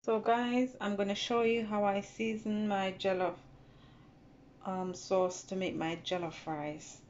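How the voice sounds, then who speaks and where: A cooking channel host stands at the gas stove in her home kitchen, giving a casual tutorial and chattily repeating her steps to viewers she calls "guys." Her mid-range, darkish voice stays unhurried with little pitch movement. The phone recording is dull and lo-fi, with background noise.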